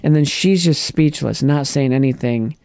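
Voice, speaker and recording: A man chatting casually on a podcast, retelling a TV episode with lively acted-out lines and frequent restarts. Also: medium pitch, moderate pace, gravelly, clear, resonant tone, no room sound. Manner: animated storyteller, acts out characters' lines, restarts often. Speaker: podcast co-host. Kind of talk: casual chat recapping a TV episode.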